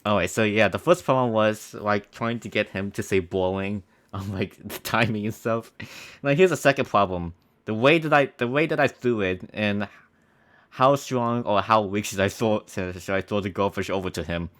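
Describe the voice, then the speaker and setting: A man's voice: fairly low pitch, moderate pace, a bit bright. A young man casually commenting on his old school video, rambling with many restarts and small laughs.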